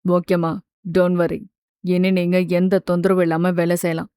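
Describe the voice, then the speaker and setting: A woman's voice: fairly low pitch, level tone, a little slow, dark tone, smooth, no room sound, studio quality, voice pushed down, natural voice. A woman voicing a polite, matter-of-fact male office boss in an audiobook. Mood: reassuring. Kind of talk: audiobook character voice.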